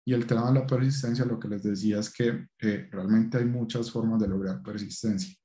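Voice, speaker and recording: Male presenter, warm dark tone, halting technical talk, roomy sound. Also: fairly low pitch, fairly even intonation. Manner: hesitant, frequent fillers and restarts.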